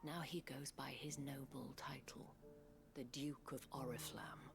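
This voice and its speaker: A woman voicing a worried, formal guardian in video game drama, hushed and breathy. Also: extremely low pitch, steady tone, measured pace, over music, exaggerated voice. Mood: worried, grave. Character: worried, well-mannered woman guardian of wards.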